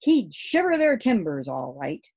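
A woman reading aloud and voicing an excitable, playful young boy who shouts his lines in a storybook. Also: on the low side, measured pace, exaggerated voice. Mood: boastful.

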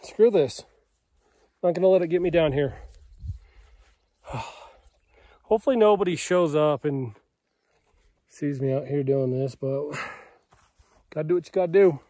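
Man, fairly high voice, wry, self-deprecating, casual outdoor vlog, camera mic. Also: unhurried, long pauses, dark tone, no room sound, studio quality. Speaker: fishing vlogger. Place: outdoors by a mountain lake.

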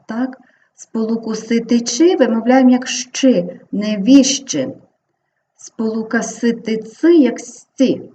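A Ukrainian woman teacher giving an exam-prep grammar lesson, clearly and slowly drawing out each example word. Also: a little high, dark tone. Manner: clear, deliberate, drawn-out spelling of example words. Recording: slightly dull lo-fi audio with faint background hiss.

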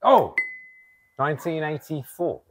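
Standing outside by a garage door with a lapel mic, a thirtysomething man who builds custom motorcycles shows off his work casually, gesturing with his hands as he explains. His voice is a little high and a little slow, with noisy background sound.

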